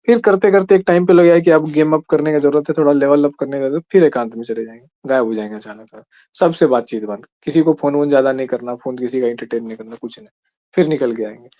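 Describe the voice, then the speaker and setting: A man's voice: mid-range voice, fast talker, dark tone, dull audio. A man teaching an exam-prep class in a conversational way, often checking in with his listeners. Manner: conversational, keeps asking "ठीक है?".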